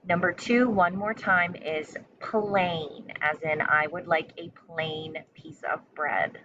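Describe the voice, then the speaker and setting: A woman teacher speaks extremely slowly in a slightly low voice, as in a spelling dictation. She enunciates with care and repeats herself in an instructional, encouraging manner. The recording is somewhat muffled and lo-fi. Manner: deliberate, carefully enunciated, repeating words. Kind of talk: spelling test dictation lesson. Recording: muffled lo-fi sound with faint noise.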